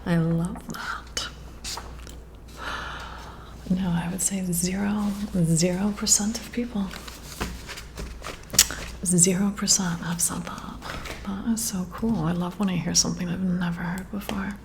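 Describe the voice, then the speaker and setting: A low-pitched, steady voice with vocal fry carries this ASMR roleplay, set against a noisy background. The woman plays an intrigued, flirty boss conducting a personality test, whispering slowly, breathily, and admiringly near the mic with a soft hesitancy.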